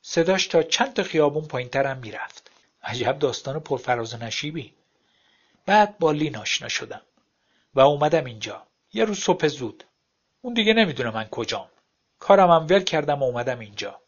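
A man's voice: a little high, big pitch swings, husky. A man narrating a story aloud in a wry, plain storytelling manner. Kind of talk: audiobook narration. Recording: dull lo-fi recording.

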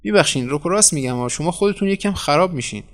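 Man playing a slick smooth-talking editor. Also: a little high, voice pushed up. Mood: persuasive. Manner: cool, persuasive, flattering. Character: smooth, scheming middle-aged male newspaper editor.

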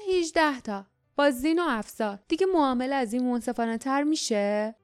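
A woman's voice: sits high, smooth, dry recording, clean studio sound, soft background music, natural voice. A woman voicing a greedy, wheedling male trader who haggles theatrically. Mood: bargaining.

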